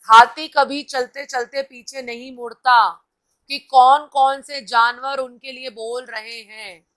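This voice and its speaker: High, bright-voiced woman coaching viewers. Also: fairly even intonation, slow. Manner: coaching, addresses viewers directly, reads out comments. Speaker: TV anchor and host. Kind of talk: live-stream motivational talk.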